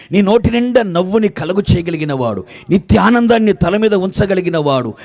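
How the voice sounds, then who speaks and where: A man preaching a sermon as a pastor with a Telugu accent, driving rhythmic repeated phrases and at times dropping to a soft pleading tone. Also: a little high. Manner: drops to soft, quiet pleading.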